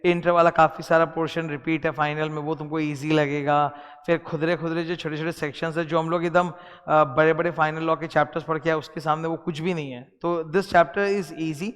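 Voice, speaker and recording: Male teacher with an Indian accent, slightly high and smooth, lecturing with a long reverb tail. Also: little pitch movement, normal speed. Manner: explains in mixed Hindi and English, addresses students directly. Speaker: law teacher. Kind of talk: classroom lecture.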